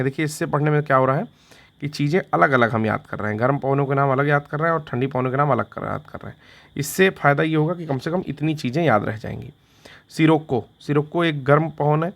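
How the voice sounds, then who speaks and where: A man teaching an exam revision lesson in Hindi, repeating each fact and quizzing himself with a question and its answer, with "theek hai" after each point. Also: mid-range voice.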